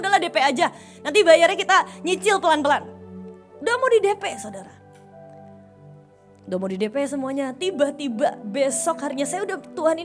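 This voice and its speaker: A woman evangelist with a very high voice preaches at a church service, telling her own story. She moves between loud, fervent bursts and hushed, tearful lines. Soft music plays faintly behind her. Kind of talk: emotional sermon with personal testimony.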